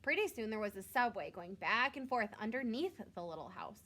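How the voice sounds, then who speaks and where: Lady teacher reading a kids book out loud, highish voice, super up and down, leans on words for emphasis. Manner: expressive, with drawn-out emphasis and questions to listeners. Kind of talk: storybook read-aloud for young children.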